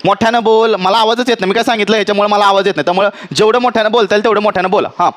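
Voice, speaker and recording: A man with a Marathi accent teaching physics to a classroom, checking often whether students understand and dictating definitions slowly. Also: high-pitched, steady tone, fairly bright tone. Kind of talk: classroom lecture.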